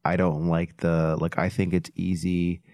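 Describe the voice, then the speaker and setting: A man in a casual podcast roundtable, speaking in a measured, reflective way. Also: sits low, flat delivery, darkish tone, clean tone, no echo, studio quality.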